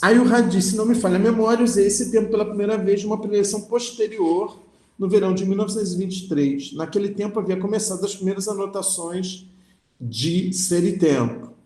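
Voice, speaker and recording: A man's voice: high-pitched, fairly quick, a little mellow, roomy sound. A man lecturing on philosophy, reading passages aloud and then explaining them, often checking in with the listeners. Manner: reads passages aloud, then comments with frequent "né?" and restarts.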